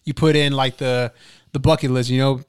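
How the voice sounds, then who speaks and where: A young man in relaxed, casual podcast chat, swearing freely and restarting his sentences. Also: medium pitch, a little fast, smooth, dry recording, studio quality. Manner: laid-back, swears casually, trails into restarts.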